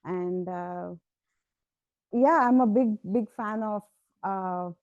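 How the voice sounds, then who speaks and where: A woman's voice: medium pitch, takes it slowly, dry recording, narrow, tinny audio. A woman fashion designer giving a short, earnest talk about her craft at a garden event. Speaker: fashion designer and textile artist. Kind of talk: short vendor presentation.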